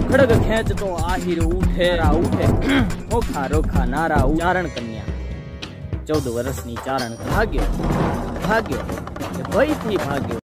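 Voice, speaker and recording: A man declaims folk verse in a strong, rhythmic cadence and hammers home repeated lines. His voice sits a little high, and loud music plays behind him. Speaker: poetry reciter. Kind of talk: dramatic folk poetry recitation. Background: loud background music.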